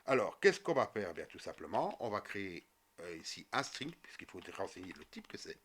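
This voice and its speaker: Man, programming tutorial, bright voice, lively pitch, talks through each step with fillers, keyboard typing behind. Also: a little fast, a little hiss or hum. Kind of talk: screen-recorded coding tutorial.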